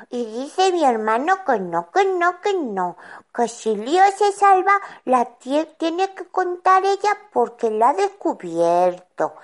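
A woman's voice: sits high, full character voice. A woman voicing a chatty, stubborn little boy who tells a children's-show story and acts out every voice in it. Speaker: child character.

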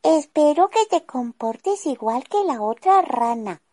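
A woman's voice: sits high, animated, slow, a little mellow, dry recording, clean studio sound, voice pushed up. A woman voicing a stern male gnome sorcerer in a storybook.

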